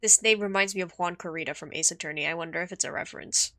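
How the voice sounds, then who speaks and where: A woman's voice: lowish voice, fast, a bit bright. A woman hosting a game playthrough, chatting casually and giggling often. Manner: giggly, playful. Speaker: streamer and host.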